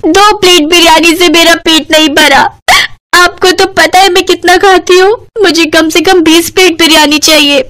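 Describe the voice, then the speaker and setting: A woman's voice: sits high, normal speed, no echo, lightly acted. A woman voicing a gluttonous, always-hungry young wife in a cartoon story, whiny and demanding.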